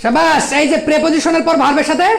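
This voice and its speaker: A woman with a Bangladeshi Bengali accent teaching English at a coaching class, firing quick rhetorical questions at her students. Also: sits high, fairly even intonation, creaky, a crowd in the background. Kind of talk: classroom lecture.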